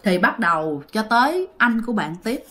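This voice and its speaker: A woman narrates a ghost story in a chatty, conversational way, speaking directly to her listeners. Her voice sits a little on the high side. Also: very animated, moderate pace, a bit bright.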